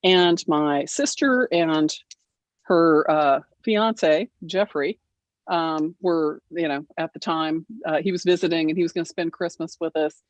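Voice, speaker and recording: A woman casually telling a funny family holiday story. She laughs often and jumps into high voices when she acts out her relatives. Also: a little slow, no room sound, dull audio. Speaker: guild member sharing a story.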